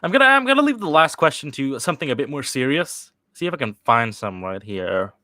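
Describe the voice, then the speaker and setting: In a studio-quality dry recording, a young Swedish livestream host answers viewer questions with a mid-range, sing-song, sharp-toned voice. His talk is casual and rambling, halting with frequent fillers and restarts.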